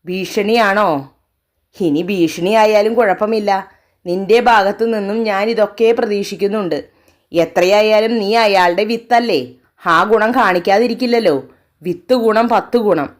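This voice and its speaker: A woman's voice: mid-range voice, moderate pace, close to an everyday voice. A woman voicing a troubled mother who sounds worried and bitter.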